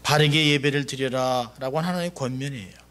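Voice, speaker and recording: A man preaching a sermon as pastor in a church, animated and acting out voices in dialogue. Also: mid-range voice, fast talker.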